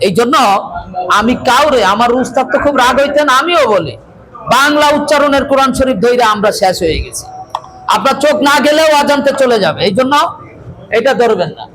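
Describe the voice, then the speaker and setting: High-voiced man teaching Quran recitation. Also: expressive, brisk, fairly bright tone, a little hiss or hum, low-quality recording. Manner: repeats checking questions to students, stresses letters aloud. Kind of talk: classroom recitation lesson.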